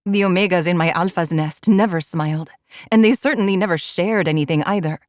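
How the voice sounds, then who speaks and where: A woman narrating a first-person audiobook in a measured, inward storytelling manner. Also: lowish voice, no echo, studio quality.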